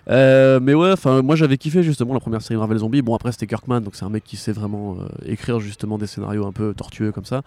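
Man, from France, podcast co-host, blunt, swears, quick talker, dry sound. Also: lowish voice, darkish tone, no echo. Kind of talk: casual podcast chat.

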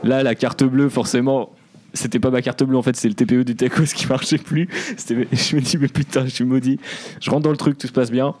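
A young man recounting a story in a casual podcast conversation. He talks in a hesitant, halting way, stopping often and restarting his sentences. His voice sits at an ordinary middle pitch for a man. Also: level tone, darkish tone. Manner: hesitant, many fillers and restarts. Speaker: podcast co-host, film journalist.

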